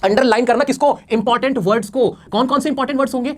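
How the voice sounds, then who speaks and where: Male English tutor, exam-prep lesson, rapid-fire delivery, asks and answers his own questions, repeats key words for emphasis. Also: very high-pitched. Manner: addresses students as "my children" and "friends". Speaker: English teacher.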